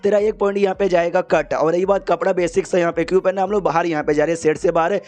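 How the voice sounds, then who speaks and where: A man's voice: high-pitched, fairly even intonation, fast talker, darkish tone, close to an everyday voice. A man voicing a stern, bossy young male guardian who gives curt orders. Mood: commanding. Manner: commanding and curt.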